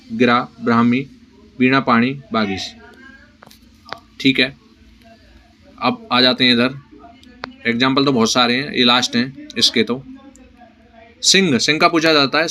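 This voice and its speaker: A man teaching an exam-prep lesson, briskly listing words and checking in with his students. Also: mid-range voice, a bit bright. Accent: Rajasthani Hindi. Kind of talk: spoken lesson for exam preparation.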